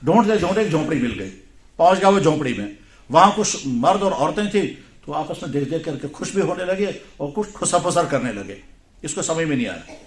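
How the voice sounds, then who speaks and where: Male Islamic preacher, Pakistani Urdu accent, higher voice, echoey hall, animated storyteller. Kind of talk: sermon with storytelling.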